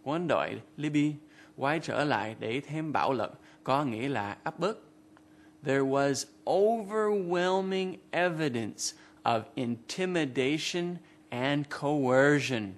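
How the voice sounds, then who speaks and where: Slow, measured male vocabulary presenter. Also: a little high, expressive. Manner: explains each word and translates example sentences. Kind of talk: scripted narration, bilingual explanation.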